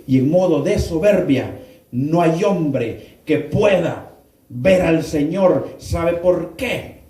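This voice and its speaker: A man preaching a sermon, firing rhetorical questions at the congregation and rising into sudden shouts. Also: a little high, lively intonation, slow. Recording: roomy echo, mic far off.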